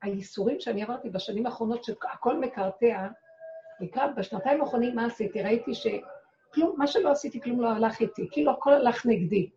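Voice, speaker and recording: A woman's voice: on the high side, mellow, highs cut off, a little hiss or hum. A woman speaking as a rebbetzin, telling a personal story to an audience in a dramatic way. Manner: dramatic storyteller who acts out her own cries and quotes. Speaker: rebbetzin giving a talk. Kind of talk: personal testimony told to an audience.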